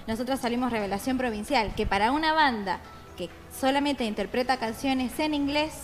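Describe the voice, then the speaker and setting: A woman's voice: high-pitched, fairly quick, over music. A woman, chatting casually and laughing often as a band singer in an interview.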